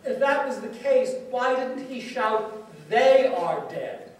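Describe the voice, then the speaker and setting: An actor on stage playing a self-assured male media analyst who explains news footage step by step, often pausing on uh. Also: very high voice, steady tone. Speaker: stage actor in a multimedia play. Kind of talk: stage play dialogue. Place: theatre stage. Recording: echoey stage recorded from far off.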